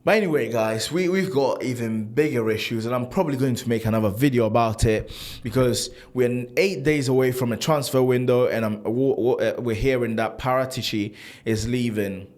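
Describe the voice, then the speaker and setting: A young man from Italy talks straight to camera about his football club in a casual, heated rant. He stumbles and restarts, fires off rhetorical questions, and his voice sits at an ordinary mid pitch. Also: normal speed. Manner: animated, frustrated, lots of restarts and rhetorical questions. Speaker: football fan vlogger.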